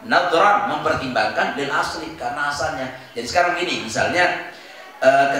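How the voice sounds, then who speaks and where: Brief: male Quran teacher from Indonesia, bright, drilling recitation, booming echoey hall. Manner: quizzing questions, then chanting examples slowly. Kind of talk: recitation lesson with call-and-response. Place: Islamic boarding school hall. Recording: very echoey room, faint noise.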